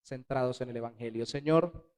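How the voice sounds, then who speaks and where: A man preaching a sermon as pastor in a church, swinging between loud bursts and soft, dropped words. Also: mid-range voice, normal speed, smooth. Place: church sanctuary.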